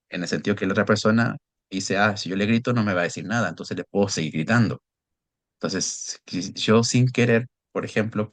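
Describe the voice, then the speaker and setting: A man presenting at a seminar, explaining at a measured pace and often checking in with tag questions. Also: sits low, no echo.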